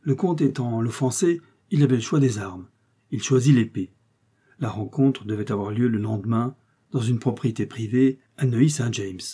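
A man reads a novel aloud in a measured, even style. His voice is mellow, soft-edged and slightly husky. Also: mid-range voice. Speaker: audiobook narrator. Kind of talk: scripted narration of a novel.

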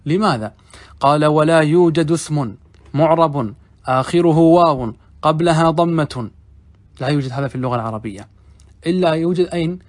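Fairly high-voiced man teaching grammar. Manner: explains step by step, asks the class questions and answers them himself; reads quoted text slowly and deliberately. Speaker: sheikh teaching Arabic grammar. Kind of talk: classroom commentary on a grammar text.

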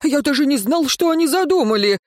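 Man playing a middle-aged town warden, devoted, earnest, pleading, raised pitch, dry close sound. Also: animated, fairly quick, dry recording. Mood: flustered.

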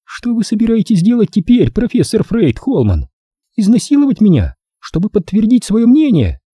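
A man voicing a volatile young female film star in an audiobook, with a thin, high, girlish voice that turns shrill and screaming. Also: wildly swooping pitch, moderate pace, mellow, slightly rough, no room sound, studio quality, full character voice. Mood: mocking.

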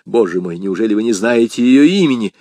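A hot-blooded young swordsman shouts for help in raw, urgent panic, as a male reader voices him. His voice jumps widely in pitch, and the reading is dry and close. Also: lively intonation, a little fast, no room sound. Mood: alarmed. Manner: urgent, crying out. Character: passionate young male swordsman, frantic and desperate.

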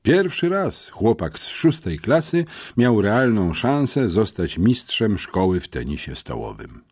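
A man reading a children's audiobook aloud in a lively, expressive storytelling manner. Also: lowish voice, unhurried, breathy edge. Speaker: audiobook narrator. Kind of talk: scripted narration.

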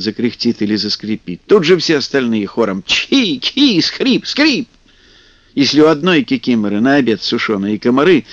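Expressive male fairy-tale narrator with a high-ish lively voice, dull dry recording. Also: no room sound. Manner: animated, acting out character voices. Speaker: storyteller.

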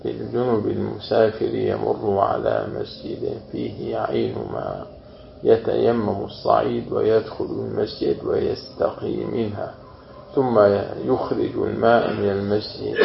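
A man's voice: lowish voice, unhurried, gravelly, a little hiss or hum. A man teaching as a sheikh, explaining a classic text word by word and checking with a yes. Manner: explains word by word, often saying yes and you mean. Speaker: sheikh teaching Quranic exegesis. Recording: roomy, dull lo-fi room recording.

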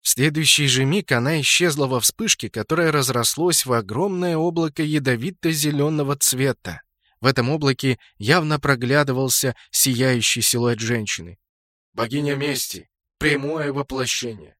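A male audiobook narrator reads in a steady, measured way at a middle pitch. The recording is dry and close, with no room sound. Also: dry recording. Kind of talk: scripted narration.

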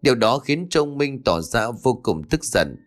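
A male storyteller reading a ghost story with expressive cadence. His pitch moves in lively arcs, and soft music plays behind him. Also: normal speed. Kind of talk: dramatic story narration.

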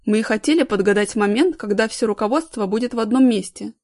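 A woman's voice: fairly high pitch, fast talker, darkish tone, dry recording, clean studio sound. A woman reading a novel aloud, voicing a young male TV staffer who objects matter-of-factly. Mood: objecting.

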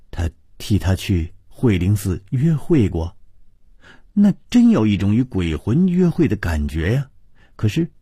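A man's voice: on the low side, warm tone, breathy edge, no echo, studio quality. A man narrating a ghost story with suspense, his voice rising and falling expressively. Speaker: audiobook narrator.

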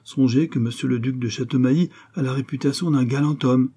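A man's voice: mid-range voice, fairly even intonation, brisk, mellow, husky, pitched above the performer's own voice, close to an everyday voice. A man reading an audiobook, voicing an older aristocratic father, a Spanish duke, who is stern yet fatherly.

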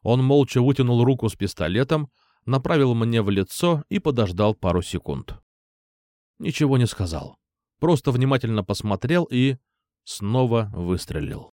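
A man's voice: medium pitch, expressive, normal speed, dark tone, no room sound, studio quality. A man reading a first-person action audiobook with dramatic, tense storytelling. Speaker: audiobook narrator.

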